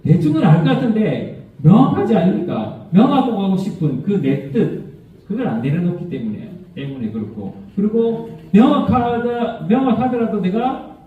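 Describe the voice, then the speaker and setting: A fairly high-voiced male priest gives his homily in a lively, conversational way, acting out little quotes and laughing as he goes. He sounds far from the mic in a very echoey church. The sound is thin and phone-like, with faint noise underneath. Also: moderate pace. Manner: conversational, animated storytelling with laughs and acted quotes. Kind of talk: homily at Mass.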